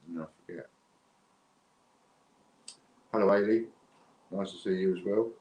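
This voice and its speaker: A British man hosts a giveaway livestream, talking in a casual, unscripted, chatty and rambling way. His voice is low, unhurried and a little mellow. The lo-fi recording sounds dull, with roomy echo and clear background noise.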